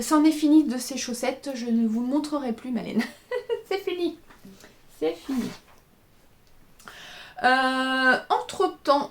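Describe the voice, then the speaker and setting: A woman's voice: medium pitch, darkish tone. A woman hosting a knitting podcast, chatting casually at home, hesitant, with many fillers and self-corrections as she shows her yarn. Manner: shows yarn and socks to the camera. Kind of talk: casual chat. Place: indoor room by a window.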